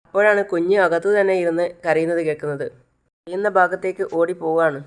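A man narrating a TV serial recap in a brisk storytelling manner, acting out the dialogue. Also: fairly high pitch, steady tone, clear, resonant tone.

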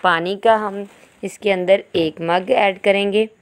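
A woman's voice: medium pitch, steady tone, takes it slowly, noisy background. A woman, hosting a home cooking tutorial as a voice-over, chatty and explaining each step. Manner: chatty, explains each step, often adds "theek hai". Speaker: cooking channel host.

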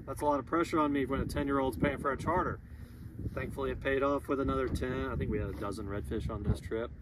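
A man in his thirties with a Florida accent, a fishing guide giving a relaxed, upbeat fishing report from a small boat, with lots of "um"s. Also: mid-range voice, quick pace. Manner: relaxed, chatty, upbeat, many "um"s. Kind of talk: casual monthly fishing report to camera. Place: outdoors on a small boat on a lagoon. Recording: loud wind and water noise on outdoor mic.

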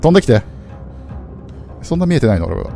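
A man commenting on a game he plays, swinging from low mutters to startled yelps. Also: sing-song, fast, gravelly. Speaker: game streamer. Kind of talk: excited let's-play commentary. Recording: game music loud behind voice. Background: game sounds and music.

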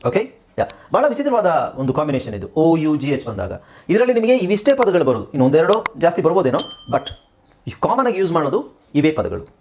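A young man teaching English with a Kannada accent, his voice sitting a little high and swinging widely in pitch. He sounds out words one at a time, repeats them, and asks questions that he then answers himself. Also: big pitch swings, a little fast, background noise. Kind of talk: spoken English lesson.

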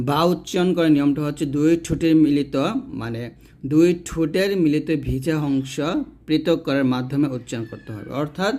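Male Quran tutor, slightly high voice, patient step-by-step delivery, repeats each sound. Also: warm tone. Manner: slow, patient instruction, repeating each letter sound several times; asks questions and answers them himself. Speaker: Quran teacher. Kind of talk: step-by-step pronunciation lesson.

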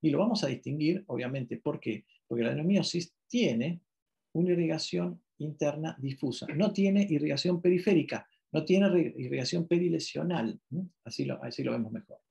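Gravelly man giving a medical lecture. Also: fairly high pitch, normal speed, dark tone. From Argentina. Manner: explanatory, frequent questioning "¿m?" tags, self-corrections. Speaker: ultrasound lecturer.

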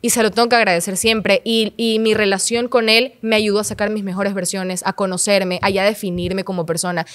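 A young woman in her twenties from Ecuador, telling personal stories as an interview guest in a quick, animated way. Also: mid-range voice. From Manabí, Ecuador. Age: 20s. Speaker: guest, actress and comedian. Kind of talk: casual heartfelt chat.

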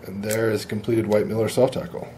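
Guy showing how to tie a fly, plain easygoing talk with lots of uhs, dark mellow tone. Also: fairly low pitch, brisk, a little hiss or hum. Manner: relaxed, plain-spoken, with frequent uh fillers. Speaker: fly tier at a fly shop. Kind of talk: instructional tying demonstration. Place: tying bench indoors.

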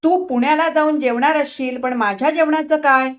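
A woman's voice: high voice, fairly even intonation, normal speed, pitched above the performer's own voice, close to an everyday voice. A woman voicing a sneering furious husband. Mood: angry. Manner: sneering, biting. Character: angry scornful husband, a man.

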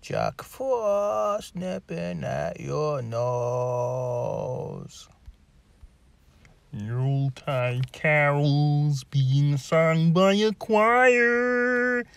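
Gentle frog puppet, very slow crooning, creaky, parody singing. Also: male voice, high-pitched, no room sound, pitched above the performer's own voice, full character voice.

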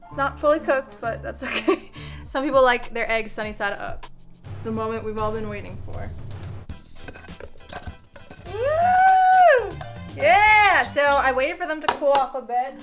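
A woman's voice: on the high side, brisk, fairly bright tone, faint music behind. A woman co-hosting a casual cooking vlog, giggly and playful, breaking into squeals.

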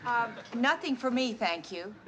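An actress playing an effusive, gushing neighbor wife in a 1970s sitcom. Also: female voice, a little high, expressive, a little slow, muffled recording. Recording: hissy 1970s TV broadcast.

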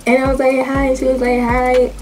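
Young jamaican accent girl vlogging, woman w kinda high voice, slow playful slangy chat, bit of music behind. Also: completely flat delivery, darkish tone. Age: young adult. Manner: playful, slangy, self-questioning delivery. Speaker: vlogger answering questions about herself. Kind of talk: casual chat to camera.

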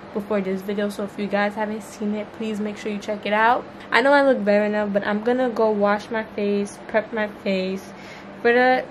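A woman's voice: medium pitch, a little hiss or hum. A teenage girl from Boston chatting casually and slangily straight to her viewers in a vlog. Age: teens. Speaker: vlogger.

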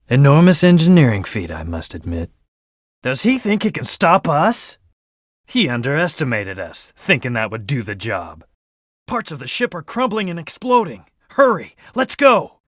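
A man's voice: on the high side, a bit bright, no room sound, clean studio sound. An actor playing a brooding, aloof hedgehog antihero in a video game, terse, serious and commanding as he leads his team. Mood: grim. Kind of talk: English video game voice acting, short battle callouts.

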